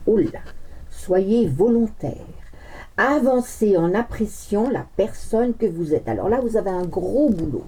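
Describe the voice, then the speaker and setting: A woman's voice: mid-range voice, expressive, measured pace, dark tone, slightly rough, poor audio. A middle-aged woman doing a casual, rambling card reading, chatting with fillers and laughs and coughing now and then. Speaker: card reader. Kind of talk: casual tarot reading chat.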